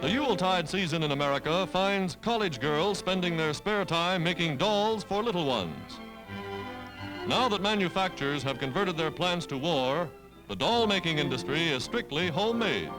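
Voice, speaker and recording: A high-pitched man narrates an old newsreel with an emphatic, declamatory wartime delivery. Brassy music plays loudly under his voice on an archival film soundtrack. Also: expressive, normal speed, poor audio.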